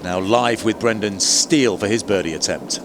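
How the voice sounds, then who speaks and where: A man commentating on live golf as a play-by-play announcer, moving between measured description and excited lifts. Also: lowish voice, a crowd in the background. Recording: commentary over music and outdoor ambience. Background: music.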